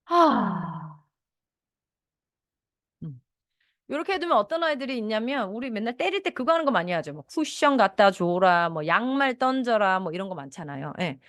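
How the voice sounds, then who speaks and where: Gentle Korean woman teaching teachers. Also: mid-range voice, no room sound, clean studio sound. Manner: gentle, acts out soothing teacher lines to a child. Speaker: mindfulness and parenting educator. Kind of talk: lecture to teachers.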